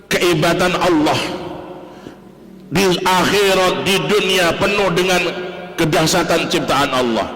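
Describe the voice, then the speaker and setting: A man with a Javanese accent giving a morning sermon in a large mosque, talking in an animated way, repeating key words and addressing the listeners directly. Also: on the high side. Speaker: preacher. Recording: echoey mosque hall with long reverb.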